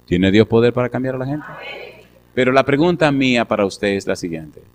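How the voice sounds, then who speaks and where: A male pastor preaching a sermon, telling stories and acting out the people in them, moving between hushed storytelling and loud preaching. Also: medium pitch, animated, brisk, slight background noise. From Costa Rica. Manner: storytelling, acts out quoted voices, swings from hushed to loud preaching.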